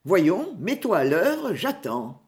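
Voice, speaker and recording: A woman's voice: fairly low pitch, wildly swooping pitch, slow, a little mellow, full character voice. A woman voicing a boastful young stranger in the forest who speaks in a defiant, mocking way.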